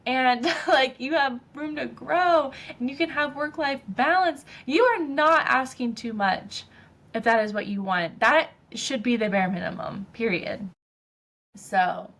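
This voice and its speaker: A woman talks straight to her listeners in a loose, unscripted monologue, leaning on "like" and "um" as she goes. Her voice sits a little on the high side, and she gets emphatic and ranty when a point matters to her. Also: a bit bright. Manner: chatty, fills speech with "like" and "um"; emphatic, ranting. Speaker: podcast host. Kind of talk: casual personal monologue.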